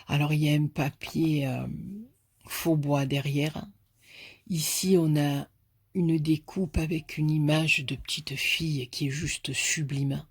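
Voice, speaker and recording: A woman's voice: low-pitched, breathy edge. A woman with a southern French accent, chatting casually and affectionately to viewers as she opens mail from her crafting followers. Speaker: craft YouTuber opening mail.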